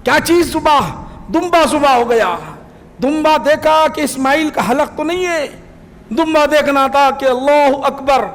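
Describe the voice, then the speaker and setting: A man preaching a sermon in a mosque, telling a story with passion and often shouting at its peaks. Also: very high voice. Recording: long hall reverb.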